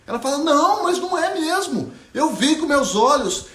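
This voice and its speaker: A man's voice: very high voice, sing-song, moderate pace, sharp tone, reverberant, pitched above the performer's own voice, full character voice. A man voicing a stubborn young female bird who insists on what she saw, pleading and insistent.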